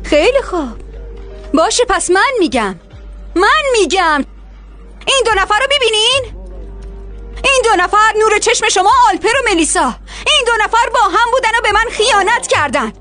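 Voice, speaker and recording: A woman's voice: very high voice, animated, bright, forceful tone, soft background music, heavily acted. A woman dubbing a betrayed young woman who accuses and mocks in a sarcastic tone. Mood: bitter. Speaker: dubbing actor. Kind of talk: dubbed TV drama.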